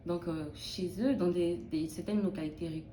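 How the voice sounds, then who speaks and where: Low-voiced young woman from Benin. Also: fairly even intonation, moderate pace, mellow, roomy sound, a little hiss or hum. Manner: thoughtful, hesitant with many restarts. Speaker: interviewee, student in early childhood education. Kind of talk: casual interview answers.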